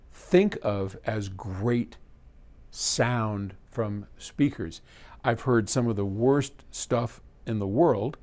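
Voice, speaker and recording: In a trade-in equipment warehouse, a man with a somewhat low, slightly mellow voice hosts an unscripted session to camera. He answers viewer questions in a rambling, conversational way, full of asides and self-corrections.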